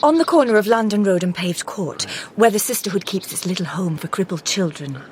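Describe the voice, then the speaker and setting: In a Victorian radio drama, an actress plays a shrewd, composed lady detective with a dry wit, speaking in a measured, crisp way and slipping into low, confiding asides. Her natural voice is expressive and a little mellow, with a faint hiss or hum in the audio.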